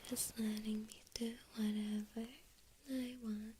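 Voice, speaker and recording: A woman's voice: medium pitch, flat delivery, slow pace, mellow, slight background noise. A woman whispering a doting, teasing ASMR roleplay into a close microphone. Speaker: ASMR creator. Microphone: close microphone, mouth near the ears.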